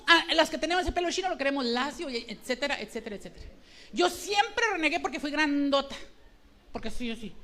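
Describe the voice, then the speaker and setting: High-voiced woman preaching with passion. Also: fairly bright tone. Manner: passionate, emphatic, addresses the congregation directly. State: emotional, trembling. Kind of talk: sermon.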